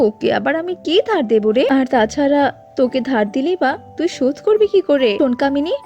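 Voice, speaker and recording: Woman playing a snooty rich lady of the house, mocking and bossy, low-ish voice, muffled sound with music. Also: darkish tone. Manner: haughty, mocking. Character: haughty rich mistress of a house, a servant's employer. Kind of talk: cartoon voice acting.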